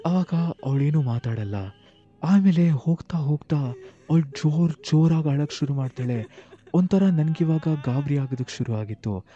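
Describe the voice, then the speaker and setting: A man narrating a first-person horror story with animated, tense delivery, acting out the dialogue himself. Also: on the high side, normal speed, lo-fi sound.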